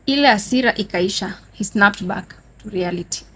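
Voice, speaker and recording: A young Kenyan vlogger with a mid-range, husky voice and a Kenyan accent talks briskly through a dramatic personal story in a casual storytime vlog. She tells it in an animated, dramatic way, calling her viewers "guys" and switching between Swahili and English.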